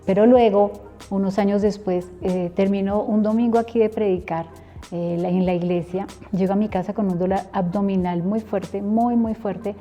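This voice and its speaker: A woman's voice: mid-range voice, steady tone, moderate pace, warm tone. A middle-aged woman, a preacher earnestly telling her personal testimony and acting out remembered conversations.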